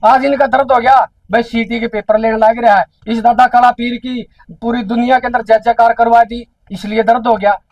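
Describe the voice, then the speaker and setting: High-voiced Haryanvi man speaking out indignantly. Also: flat delivery, normal speed, no room sound, highs cut off. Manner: indignant, repetitive rhetorical questions. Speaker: speaker at a village council meeting. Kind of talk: public address at a village meeting.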